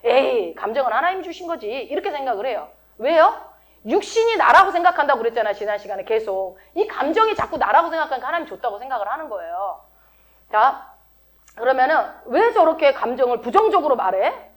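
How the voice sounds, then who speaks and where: A middle-aged woman pastor delivers a conversational sermon, frequently putting questions to her congregation. She speaks quickly in a high voice with big pitch swings.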